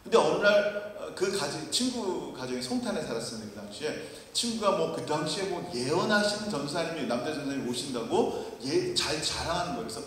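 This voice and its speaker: A man's voice: on the high side, lively intonation, brisk, few pauses, fairly bright tone. Man preaching in an echoing hall. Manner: storytelling, asks the congregation questions. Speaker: missionary preacher. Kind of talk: sermon. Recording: very echoey long-reverb hall, mic far off.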